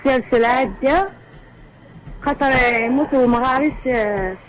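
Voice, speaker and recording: A woman phoning in to a radio show, speaking softly and slowly. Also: high-pitched, poor audio. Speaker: caller. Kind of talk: phone call to a radio show.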